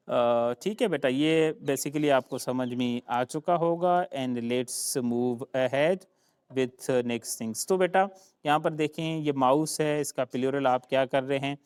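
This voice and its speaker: A man's voice: medium pitch, a little mellow, smooth, dry recording, clean studio sound. A man from Sindh, a Sindhi speaker, teaching a grammar lesson. He spells words out letter by letter, repeats them, and calls his students "beta". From Sindh, Pakistan. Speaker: English teacher. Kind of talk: classroom grammar lecture.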